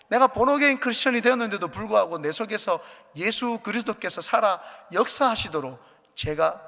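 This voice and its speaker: A man's voice: high voice, gravelly, bright, forceful tone. A man, a pastor, preaching a sermon as earnest personal testimony with light jokes, in a church sanctuary. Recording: echoey church hall.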